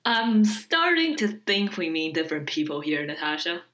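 Woman as a low-voiced, guilt-ridden hero archer. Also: very animated, moderate pace, a bit bright, slight background noise. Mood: sardonic. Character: gruff, guilt-ridden male archer hero, sardonic and pleading. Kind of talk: amateur script read-through.

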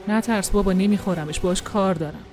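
A woman reading the part of a young male soldier comrade who talks in a soft, earnest, pleading way. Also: mid-range voice, faint music behind, pitched below the performer's own voice, close to an everyday voice. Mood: reassuring.

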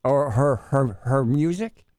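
A man's voice: medium pitch, slow, a little mellow, dry recording. A man with a foreign accent chatting casually on a talk show in a matter-of-fact, argumentative way. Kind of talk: casual chat.

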